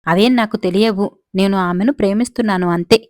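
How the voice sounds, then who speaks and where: A woman's voice: medium pitch, fairly quick, a little mellow, no echo, lightly acted. A woman voicing a naive, lovesick young man who insists and boasts about his love. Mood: insistent.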